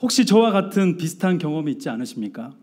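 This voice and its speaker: A man's voice: on the high side, very animated, fast, darkish tone. A middle-aged male pastor preaching a sermon, telling a family story with acted-out dialogue and asking the congregation questions. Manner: storytelling with acted-out dialogue, rising to emphatic outbursts.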